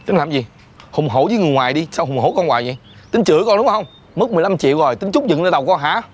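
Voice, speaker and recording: A man's voice: fairly high pitch, very fast. A man playing a cheeky, nosy restaurant worker. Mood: nagging. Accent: Southern Vietnamese. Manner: teasing, nagging, lively. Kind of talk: comedy sketch acting. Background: background music.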